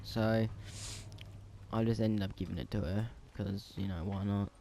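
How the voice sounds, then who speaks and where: Rambling Australian teen guy, flat and low. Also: measured pace, gravelly, a little hiss or hum. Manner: rambling, full of ums and restarts. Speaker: storyteller vlogger. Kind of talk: casual storytime vlog.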